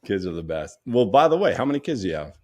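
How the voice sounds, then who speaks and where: Deep-voiced young male podcast host, easygoing and chatty, loose rambling delivery. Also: big pitch swings, fast talker. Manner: chatty, laid-back, rambling with fillers. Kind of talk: casual interview chat.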